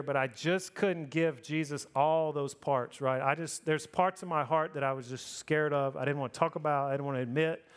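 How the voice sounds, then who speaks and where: A man's voice: on the high side, clean tone. A man in his forties preaching a sermon, telling his own story in a casual, self-deprecating way and often checking in with the crowd.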